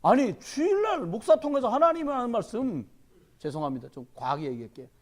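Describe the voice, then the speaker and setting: A man delivers a sermon at a midweek church service with a high voice that swoops across a wide range. He presses the congregation with loud urging lines, then drops into low, quiet asides and plays out the voices of church members. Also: very animated, fairly quick. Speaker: pastor. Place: church during a Wednesday service.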